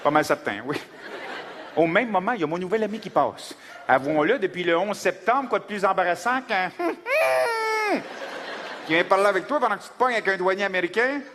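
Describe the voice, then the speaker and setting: A man's voice: sits high, sing-song, normal speed, background noise. A man with a Quebec French accent doing stand-up comedy, stumbling comically through broken English.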